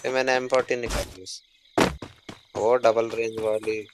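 Young male streamer, casual game commentary, animated outbursts, heavy background noise. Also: mid-range voice. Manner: chatty, quick bursts of excitement and grumbling. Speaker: gaming streamer.

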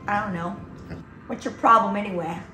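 A woman's voice: mid-range voice, a little fast, lightly acted. An actress playing a rude young woman suspect who talks in a sarcastic, dismissive way, in a sketch comedy. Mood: sullen. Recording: roomy echo, faint music.

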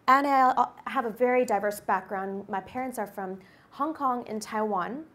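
An American woman in her forties, a company executive, gives a guest lecture to a university class from a lecture hall stage. Holding a handheld microphone, she shares personal stories in a lively, upbeat manner. Her voice sits on the high side and her pace is moderate.

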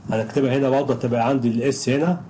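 A man's voice: medium pitch, steady tone, very fast, warm tone, a little hiss or hum, poor audio. A man with an Egyptian Arabic accent teaching English pronunciation in a recorded lesson, patiently repeating each word several times.

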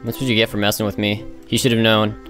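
A man giving casual, mocking commentary over a video game, breaking into loud outbursts now and then. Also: on the low side, completely flat delivery, fast talker, over music. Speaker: gaming commentator.

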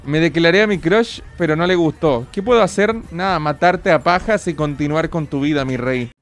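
A young man with a Chilean accent who streams, talking in excited, profane, joking casual commentary. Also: a little high, normal speed, soft background music.

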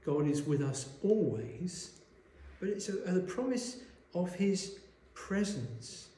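A man preaching a sermon, explaining a Bible passage in a measured way and asking rhetorical questions, recorded in a church. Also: high-pitched, very animated, dark tone, slight background noise. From Wales. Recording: echoey church room.

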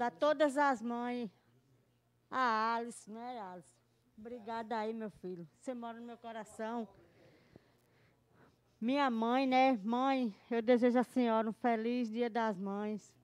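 A woman's voice: on the high side, darkish tone, smooth, dry recording. An older woman, the singer's mother, giving a tender, heartfelt thank-you speech.

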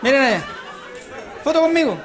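A man with a Chilean accent performing a stand-up comedy routine on a club stage into a handheld mic, rowdy, switching between confiding asides and shouting. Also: extremely high pitch, sing-song, brisk. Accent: Chilean Spanish. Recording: live show with loud crowd and noise.

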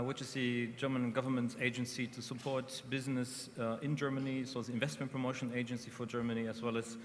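A man, an agency chief executive, introducing himself haltingly with many fillers. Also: medium pitch, slight background noise. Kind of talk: panel self-introduction. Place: conference hall stage, seated. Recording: hall reverb.

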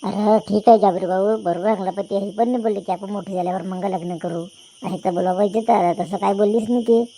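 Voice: medium pitch, fairly even intonation, a little fast, dark tone, slight background noise, close to an everyday voice. A voice actor doing a lovesick, moping cartoon schoolboy. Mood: complaining. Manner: pleading, self-pitying. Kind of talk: cartoon voice acting.

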